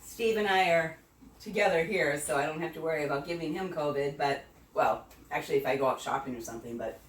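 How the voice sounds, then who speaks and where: In an echoey home kitchen, a middle-aged woman with a deep voice runs a casual cooking demo for her channel, heard from a distance over slight background noise. She's chatty and rambling, often correcting herself while tasting what she's made.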